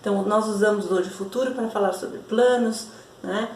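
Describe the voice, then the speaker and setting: A woman's voice: medium pitch, fairly even intonation, brisk, a little mellow, roomy sound, far from the mic, a little hiss or hum, low-quality recording. A woman with a Brazilian accent teaching an English lesson, explaining in Portuguese and tagging her sentences with "ok?" and "right?".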